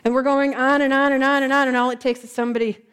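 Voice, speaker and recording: A woman preaches with a high, bright-pitched voice. She tells the story conversationally, drops asides to the congregation and acts out the lines of the people in it. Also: level tone, rapid-fire, clean tone. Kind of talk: sermon.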